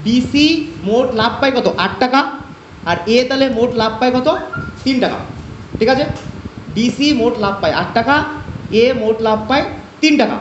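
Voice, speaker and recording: A man's voice: extremely high pitch, normal speed, pauses often, a little hiss or hum. A man teaching an online math class, asking and answering his own questions step by step. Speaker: math tutor. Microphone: online class call. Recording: echoey, dull lo-fi online class audio.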